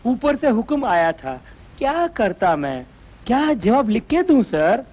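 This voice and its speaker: Whiny middle-aged cop, high voice, complaining a lot, muffled lo-fi film sound. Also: male voice, very animated, unhurried, exaggerated voice. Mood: pleading. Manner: whining, self-pitying. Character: whiny, self-pitying middle-aged constable, comic. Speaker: police constable. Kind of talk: Hindi film dubbing. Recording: dull lo-fi dubbed film audio.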